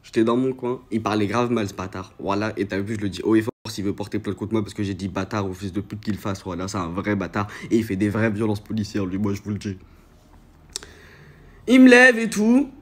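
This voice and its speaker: A young man who works as an influencer recounts something personal to his audience, full of slang and swinging from shouts to mumbles. His delivery is expressive and brisk.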